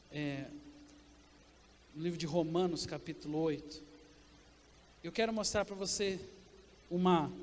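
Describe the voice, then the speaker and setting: Brazilian male pastor, very high voice, long church reverb, preaching with rhetorical questions. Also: a little hiss or hum. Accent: Brazilian Portuguese. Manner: preaching with rhetorical questions, swinging from loud to quiet. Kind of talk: sermon. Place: church sanctuary.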